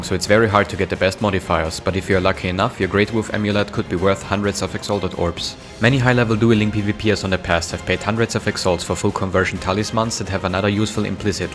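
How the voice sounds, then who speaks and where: Male gaming host, slightly low voice, rapid scripted top ten countdown delivery over light music. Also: fairly bright tone. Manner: announces ranked items like a countdown. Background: background music.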